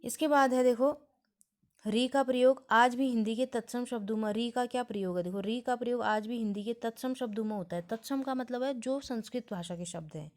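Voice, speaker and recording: A woman's voice: a little high, fairly quick, a little mellow. A woman teaching a grammar lesson step by step, often checking that her students are following.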